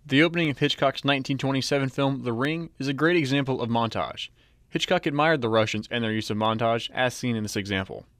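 A man's voice: mid-range voice, quick pace, a bit bright, no room sound, studio quality. Young man reading class narration. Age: young adult. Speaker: student presenter. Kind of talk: read narration for a class project.

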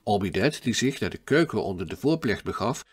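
A man narrating a classic adventure novel in a steady, measured audiobook reading. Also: lowish voice, breathy edge.

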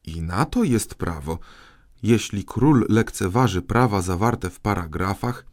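A man's voice: lowish voice, animated, measured pace, a little mellow. A man voicing a pedantic older male justice minister who recites legal paragraphs with fussy precision. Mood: smug.

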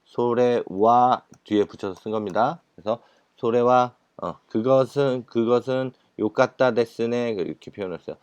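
A man's voice: mid-range voice, normal speed, a little mellow, smooth, no echo. A man teaching Japanese in a recorded lecture, explaining patiently with many fillers and repeated words. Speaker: Japanese language instructor.

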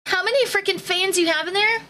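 A woman's voice: very high-pitched, a little fast, sharp tone. A woman streaming live, chatting casually and bubbly with her viewers, greeting each one.

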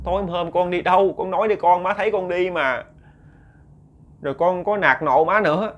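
A man's voice: high-pitched, moderate pace, lo-fi sound, voice pushed up, lightly acted. A man with a Southern Vietnamese accent voicing a frightened, tearful elderly mother questioning her son. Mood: beseeching. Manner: tearful, beseeching.

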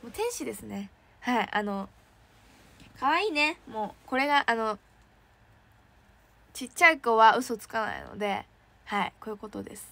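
A young woman, an idol trainee, chatting casually on a livestream and reacting excitedly to fan messages. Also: a little high, moderate pace, vocal fry, long pauses, no room sound. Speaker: idol trainee streaming to fans.

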